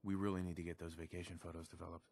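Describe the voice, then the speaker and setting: A man playing a young husband and father with relaxed, wry domestic asides. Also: low-pitched, rapid-fire, creaky.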